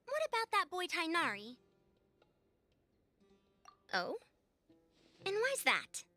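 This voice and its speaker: A woman's voice: very high voice, wildly swooping pitch, takes it slowly, bright, forceful tone, soft background music, exaggerated voice. A woman voicing a proud, self-assured female scholar with haughty, old-fashioned wording in an anime game. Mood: self-assured, inquisitive. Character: proud, youthful-sounding female senior scholar.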